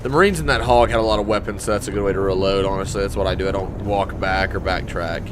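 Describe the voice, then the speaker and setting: A man's voice: deep voice, quick pace, noisy background. A man giving casual, geeky, enthusiastic commentary while playing through a video game. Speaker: gamer commentator. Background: loud game music and vehicle sounds.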